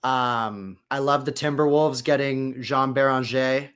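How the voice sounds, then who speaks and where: A man's voice: medium pitch, fairly even intonation, a little slow, fairly bright tone, clean tone. A man co-hosting a livestreamed podcast, giving rambling, opinionated draft analysis with lots of fillers, with traffic noise around him. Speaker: podcast co-host. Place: outdoors in city traffic.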